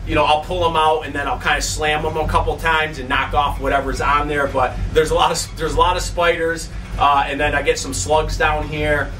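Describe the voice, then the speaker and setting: A man's voice: on the high side, flat delivery, a little fast, few pauses, a bit bright, distant mic, a little hiss or hum. A middle-aged man hosting a bodybuilding channel, giving casual advice to the camera in a home basement gym, rambling and repeating himself with many fillers.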